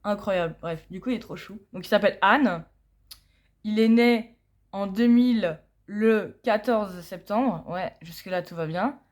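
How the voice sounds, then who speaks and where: A young woman chatting casually and using slang while she unboxes an album, reading English text slowly, recorded on a phone at home. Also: medium pitch. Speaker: unboxing vlogger.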